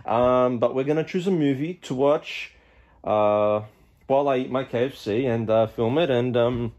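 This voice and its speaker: A man's voice: medium pitch, moderate pace, a little mellow, muffled recording. A man talking casually while eating on camera, rambling with plenty of ums and the odd swear word, filmed on a phone at home. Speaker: mukbang vlogger. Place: room at home. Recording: roomy with faint noise.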